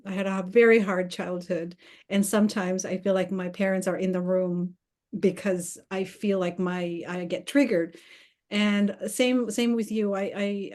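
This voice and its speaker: A woman's voice: medium pitch, a little mellow. A woman hosting a podcast, affirming her guest and sharing her own reflections on parenting. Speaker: podcast host. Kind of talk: podcast interview.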